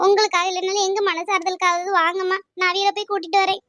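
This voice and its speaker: Woman voicing a kind young cartoon woman, very high, fast-talking. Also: little pitch movement, a bit bright, dry recording, studio quality. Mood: reassuring. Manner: coaxing and reassuring.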